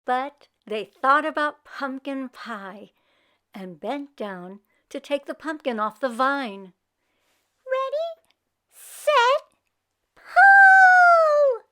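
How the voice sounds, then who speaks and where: A woman reading a picture book aloud to children, expressive and slow. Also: high voice. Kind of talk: read-aloud storytelling.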